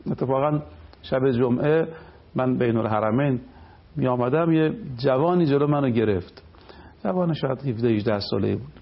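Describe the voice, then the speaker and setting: A man's voice: mid-range voice, creaky, lo-fi sound. A man speaking as a cleric on a television program, delivering an emphatic religious lecture. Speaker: cleric guest.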